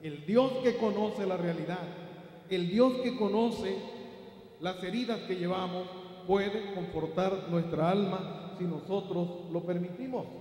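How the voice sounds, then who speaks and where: A middle-aged Mexican man preaching a sermon as pastor, rising to emphatic peaks and dropping to soft asides. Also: high-pitched, unhurried. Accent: Mexican Spanish. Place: large church hall. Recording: very echoey church hall.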